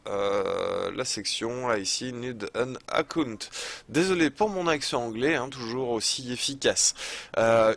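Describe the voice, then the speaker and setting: Hesitant French man giving a tutorial. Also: medium pitch. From France. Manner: hesitant, many filler pauses. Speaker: YouTube tutorial host. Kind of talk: screen-recorded software tutorial.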